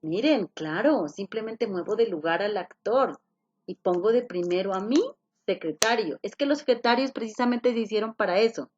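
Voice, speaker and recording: This English teacher on a video call has a mid-range, slightly mellow voice with lively intonation and a normal speed. She is patient with every step, repeats what matters most, and keeps quizzing her students, though the call audio is a little muffled.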